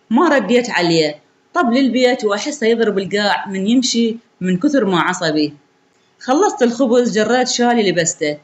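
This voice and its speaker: A woman with an Iraqi accent telling a sorrowful story in the first person, in an intimate way. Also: medium pitch.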